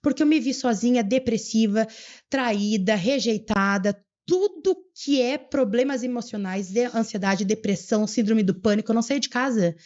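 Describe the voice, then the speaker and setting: Guest, woman, young adult; fervent testimony, higher-pitched, slightly muffled audio. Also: darkish tone. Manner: earnest, fervent storytelling, often slowing down for emphasis. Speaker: podcast guest. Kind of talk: emotional personal testimony.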